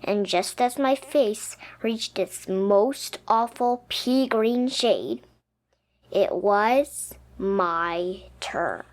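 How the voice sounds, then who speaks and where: A woman reading a children's picture book aloud expressively, with dramatic, emphatic pauses. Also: mid-range voice, expressive. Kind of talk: expressive children's storybook narration. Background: music.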